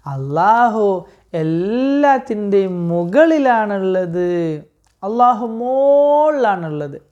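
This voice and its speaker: Slow and patient, this woman walks children through a religious story, quizzing them and echoing their replies. Her voice is medium in pitch with a darkish tone.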